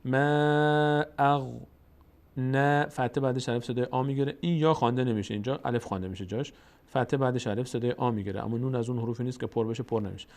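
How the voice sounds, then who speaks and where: Male recitation teacher, Tajik-influenced Persian accent, middle pitch; quick rule explanations alternating with slow, stretched example words. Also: steady tone, a little mellow. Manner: explains rules quickly, then draws out example words slowly.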